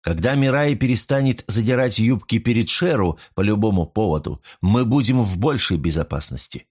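A man voicing a calculating ruling father who argues in measured, persuasive speech. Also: fairly low pitch, animated, a little mellow, breathy edge.

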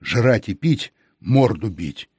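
Man reading a gruff, curt explorer. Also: lowish voice, big pitch swings, takes it slowly, darkish tone, no echo, clean studio sound, full character voice. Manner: grumbling and curt. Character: gruff, blunt male explorer, short-tempered.

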